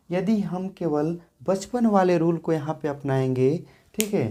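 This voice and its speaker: A woman's voice: fairly low pitch, mellow. A woman teaching English grammar in a classroom lesson, asking questions and answering them herself, often checking with "theek hai". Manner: explains patiently, asks and answers her own questions.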